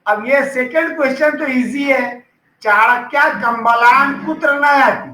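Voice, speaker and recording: A man's voice: extremely high pitch, measured pace, pushed and bright, echoey room, rough recording. A man teaching a school lesson, patiently dictating answers in a mix of Hindi and English. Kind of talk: classroom lesson explaining answers.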